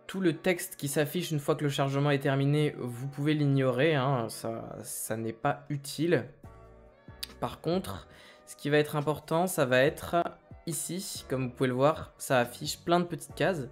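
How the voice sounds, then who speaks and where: French man guiding a tech tutorial. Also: mid-range voice. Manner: guiding step by step, reassuring. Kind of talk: screen-recorded tutorial.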